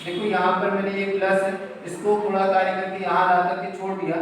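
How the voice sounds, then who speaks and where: High-voiced male teacher in echoey room. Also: monotone, brisk. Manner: asks questions and answers them himself, repeats key terms; mixes in English words and numbers. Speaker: physics teacher. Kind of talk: classroom physics lecture. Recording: very echoey room, voice from far off, faint noise.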